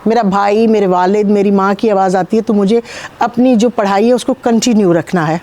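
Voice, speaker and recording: A woman from Pakistan speaks as a guest healer in a sit-down interview. Her voice is mellow and warm, and she tells her story in a calm, measured way with frequent pauses. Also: mid-range voice, slight background noise. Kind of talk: interview, recounting personal experiences.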